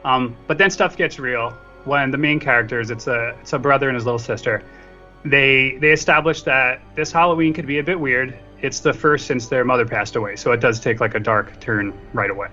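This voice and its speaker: In a casual film discussion, a podcast guest co-reviewer jokes and pokes fun at himself. His medium-pitched voice is fairly quick, bright and forceful. The lo-fi recording sounds dull, with faint music behind him.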